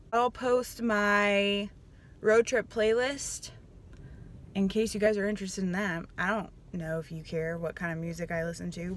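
A woman vlogs casually to camera from inside a car, her mid-range voice fairly bright. Faint car and ambient noise can be heard in the recording.

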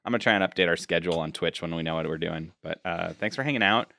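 A young adult man chats casually as a game stream host, rambling a bit, close to a boom-arm mic in a small indoor home streaming room. His low-pitched voice is fast, pushed and bright, with vocal fry and no echo.

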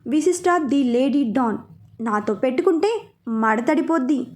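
A woman's voice: high voice, animated. A woman voicing a playful, teasing young woman who chatters and mimics her lover, in a storybook reading. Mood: mock-tough. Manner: bubbly, teasing, quick to mimic.

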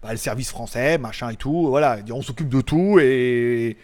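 Speaking at a normal speed in a mid-range, darkish voice, a French host chats casually about tech news on a home-studio live stream. He rambles, cracks crude jokes and laughs frequently.

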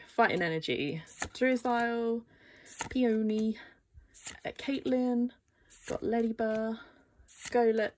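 A woman vlogger chats her way through trading card packs, easily excited and often gasping. She talks at an unhurried, drawn-out pace. A faint hiss and the crinkle of wrappers sit under her voice. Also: fairly high pitch. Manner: excitable, gasping and exclaiming over pulls. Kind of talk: casual unboxing chat.

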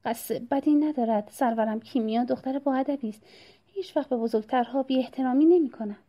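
A woman's voice: high-pitched, mellow. A woman voicing a flustered village father. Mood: apologetic. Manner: hurried, apologetic. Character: anxious father, a village man. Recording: dull lo-fi recording.

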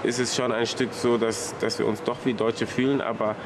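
A man's voice: medium pitch, level tone, moderate pace. A man in a documentary interview speaking thoughtfully and hesitantly, with many fillers. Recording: outdoor noise.

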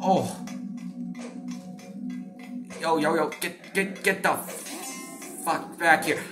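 A gamer giving excitable let's-play commentary, laughing and shouting taunts. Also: mid-range voice, drawn-out words, over music. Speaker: gamer playing a horror game.

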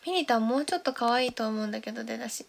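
Young woman, high voice, chatty livestream host on a close mic. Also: expressive, rapid-fire, vocal fry. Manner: chatty, thanks viewers by name, drops to soft whispers. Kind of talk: casual livestream chat reading comments.

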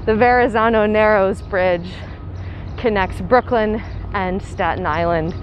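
A woman's voice: mid-range voice, a little slow. A young woman tour guide narrating a walking tour outdoors in a city park, chatty and explanatory. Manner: chatty, explanatory, with light laughs. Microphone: handheld camera, guide mostly off screen. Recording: faint outdoor city noise.

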